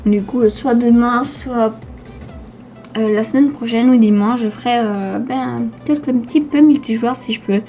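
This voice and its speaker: A teenage girl with a slushy lisp on her s sounds, talking casually and haltingly as she answers questions in a vlog. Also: a little high, dark tone, faint music behind. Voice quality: slushy lisp from new dental brace. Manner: hesitant, stumbling over words. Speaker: YouTube gamer answering viewer questions.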